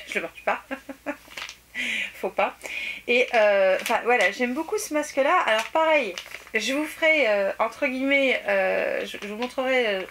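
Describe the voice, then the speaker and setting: A woman's voice: a little high, a bit bright, slight background noise. A woman vlogger chatting casually about a shopping haul, often restarting her sentences and laughing at herself.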